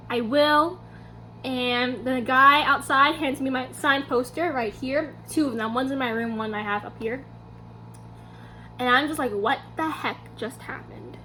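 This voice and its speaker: A young woman vlogger tells a story to camera, casual and animated, acting out her own quotes in a high-pitched voice. There is a little hiss or hum on the recording.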